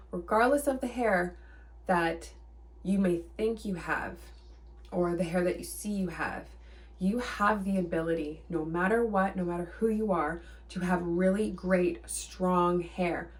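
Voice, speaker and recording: A woman's voice: lowish voice, distant mic. A woman giving hair care advice in a vlog, speaking in an emphatic, reassuring coaching tone that repeats key points. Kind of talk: direct-to-camera advice vlog.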